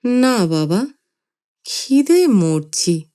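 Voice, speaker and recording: A woman voicing a frail, nearly blind, almost hundred-year-old grandfather who whines slowly and plaintively like a child. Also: mid-range voice, sing-song, mellow. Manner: slow, plaintive, whining.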